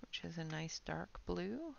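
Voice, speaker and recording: A woman giving a casual, unhurried art supply demonstration, half murmuring to herself, with a creaky voice that often trails off softly. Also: on the low side, lively intonation, dull audio, a little hiss or hum.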